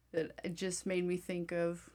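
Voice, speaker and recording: A woman co-hosting a casual podcast chat, playful and joking, giggling often. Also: on the low side. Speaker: podcast co-host.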